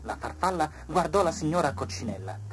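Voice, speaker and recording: Woman storyteller, children's book, very animated melody. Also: low voice, a little fast. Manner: lively expressive reading.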